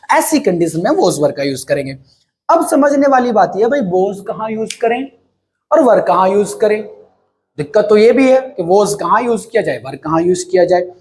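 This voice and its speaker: A man's voice: high-pitched, slight background noise. A man teaching an English grammar lesson in an informal way, often asking questions and answering them himself. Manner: informal, addresses viewers as brother.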